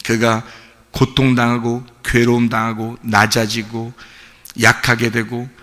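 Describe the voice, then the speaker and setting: A male pastor preaching an impassioned sermon at a dawn church service, swinging between hushed asides and emotional outbursts. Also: medium pitch, completely flat delivery, a little slow. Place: church sanctuary. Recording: reverberant church hall.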